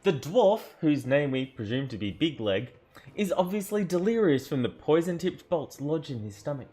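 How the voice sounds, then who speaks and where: A man's voice: fairly high pitch, very animated, normal speed, warm tone. A man narrating an interactive fantasy adventure book aloud, theatrical, with joking asides and self-corrections. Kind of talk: dramatic storybook narration.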